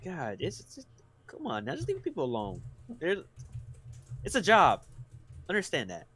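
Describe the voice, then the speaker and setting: A man's voice: on the high side, wildly swooping pitch, normal speed, fairly bright tone. A man co-hosting a casual podcast chat over a replacement headset whose audio keeps cutting in and out, rambling and swearing casually. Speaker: podcast co-host.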